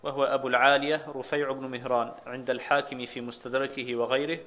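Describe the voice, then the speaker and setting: A man's voice: mid-range voice, level tone, fast, sharp tone. A man reading a religious text aloud for his teacher, steadily reciting quotes and long lists of names.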